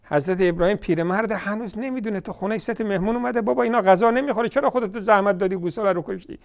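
A man with a high, light voice delivering a fiery religious lecture for television. He swings between loud scolding outbursts and low, mocking asides, and he slows right down to recite scripture word by word. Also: creaky. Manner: heated, scolding and mocking, loud bursts then quiet asides; recites scripture slowly and deliberately.

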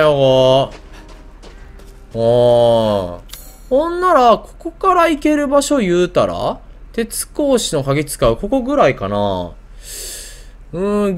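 A man's voice: high-pitched, slight background noise. A man with a Kansai Japanese accent doing casual video game commentary, thinking aloud in short muttered questions.

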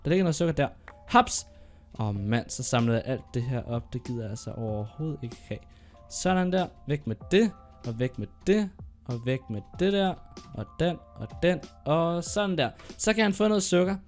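A young man with a sore throat and an occasional cough, giving chatty, excitable gameplay commentary as he narrates his own moves. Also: on the high side, faint music behind. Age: young adult. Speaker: gaming YouTuber.

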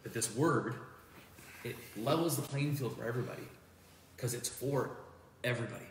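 A man's voice: medium pitch, normal speed, creaky, recorded from a distance, a little hiss or hum. Earnest man pastor, roomy echo. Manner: earnest storytelling, quotes people aloud. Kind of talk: casual faith chat. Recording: roomy, echoey, from off the mic.

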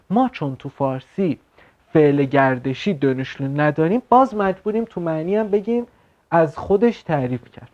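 A man teaching an online language lesson, explaining words slowly and checking in with quick questions. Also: high-pitched, darkish tone. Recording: slightly dull lo-fi sound.

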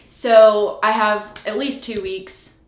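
A woman's voice: mid-range voice, fairly even intonation, slow. A woman in her twenties giving a casual, giggly tour of her house to viewers, filmed on a handheld camera at arm's length. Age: 20s. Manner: chatty, giggly, talks to viewers directly. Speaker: vlogger. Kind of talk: casual home-tour vlog. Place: bathroom and rooms of a house, indoors.

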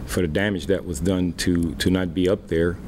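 At a post-game press conference, a middle-aged baseball manager answers reporters through a desk microphone, speaking plainly and unhurriedly with many fillers. His male voice is low and darkish, with fairly even intonation. A little hiss or hum can be heard.

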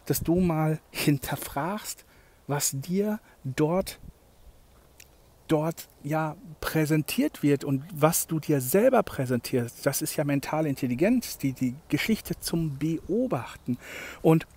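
A man hosting a motivational podcast monologue, talking emphatically, swinging between loud and soft and often checking in with "ja?". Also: fairly high pitch, animated, slow. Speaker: podcast host, coach.

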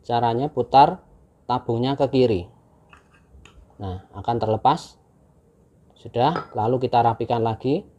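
Male host, mid-pitched, patient step-by-step how-to delivery, indoor camera-mic sound. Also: a little slow, long pauses, muffled recording. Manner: calm, patient step-by-step explaining. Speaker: channel host demonstrating a camping stove. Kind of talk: casual how-to demonstration. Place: indoors at a table, hands-only camera.

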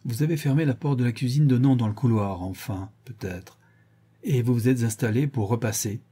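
A man reading an audiobook, voicing a stern, shrewd woman who questions her servants in a measured, deliberate way. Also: mid-range voice, warm tone, slightly rough, lightly acted. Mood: cold.

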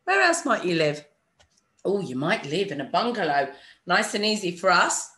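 A woman teaching an online French lesson, patiently modelling phrases slowly for learners to repeat. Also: fairly low pitch, very animated, sharp tone. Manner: patient, encouraging teacher talk. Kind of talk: online language lesson with screen share.

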